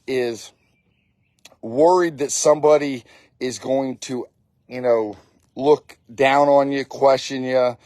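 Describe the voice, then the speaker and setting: A man's voice: mid-range voice, fairly even intonation, slow pace, long pauses, a little mellow, no room sound. Blunt man near fifty, dry sound. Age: 40s. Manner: blunt, swears freely, repeats for emphasis. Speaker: fire service instructor. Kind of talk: casual motivational talk.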